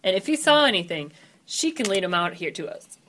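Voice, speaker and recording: A woman's voice: mid-range voice, very animated, a little fast, a bit bright, slight background noise. A woman player in a tabletop game, casually laying out plans and taking charge. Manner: bossy, takes charge of plans.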